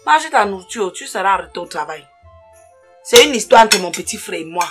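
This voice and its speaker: A woman's voice: mid-range voice, lively intonation, fairly quick, music in the background, close to an everyday voice. A woman playing a scolding, dismissive older sister in a comedy sketch. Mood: complaining. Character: bossy older sister who spent his money.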